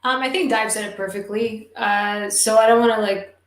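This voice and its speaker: A woman co-hosting a casual show chat, talking with enthusiastic, emphatic warmth about a series she loves. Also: on the high side, steady tone, moderate pace. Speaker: podcast co-host. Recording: roomy echo.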